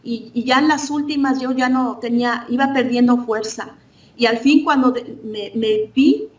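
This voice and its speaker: A woman's voice: a little high, normal speed, recorded from a distance. A woman earnestly recounting a spiritual vision as a church testimony, often restarting her sentences. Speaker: church member giving testimony. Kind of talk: religious testimony.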